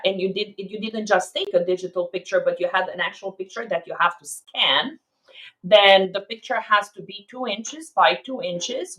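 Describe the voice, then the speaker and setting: A woman's voice: medium pitch, a bit bright, low-quality recording. Woman attorney answering live questions. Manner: explanatory, peppered with "okay?". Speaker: immigration attorney. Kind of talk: live Q&A stream.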